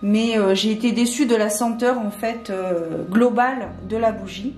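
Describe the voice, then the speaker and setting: Woman vlogger, hesitant and chatty, slightly high voice, roomy echo. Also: moderate pace, a little mellow. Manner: hesitant, many fillers and restarts. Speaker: vlogger unboxing candles. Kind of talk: casual unboxing chat. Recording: echoey room with faint music.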